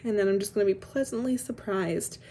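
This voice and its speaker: A woman's voice: medium pitch, brisk, mellow, slight background noise. A young pregnant woman talking casually to camera in a vlog, rambling with lots of fillers and little laughs. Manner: rambling, frequent "like" fillers, laughs between phrases. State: heavily pregnant. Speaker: vlogger.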